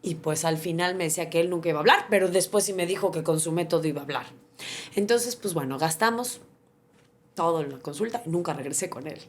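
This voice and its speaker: A woman's voice: fairly low pitch, fast talker, slight background noise. Earnest woman telling her story. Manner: earnest, animated, often acts out what others said. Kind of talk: candid personal storytelling.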